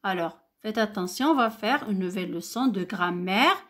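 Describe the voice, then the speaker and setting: A woman's voice: mid-range voice, animated, fairly bright tone. A woman with a Moroccan French accent teaching a grammar lesson to young pupils, patient and repetitive, lifting her voice on example questions. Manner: slow, patient, repeats key words, rising question intonation. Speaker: primary school teacher.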